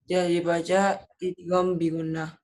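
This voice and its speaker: Flat, slow, hesitant young student. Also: medium pitch. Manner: hesitant, short answers, self-correcting. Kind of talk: answering a teacher's quiz.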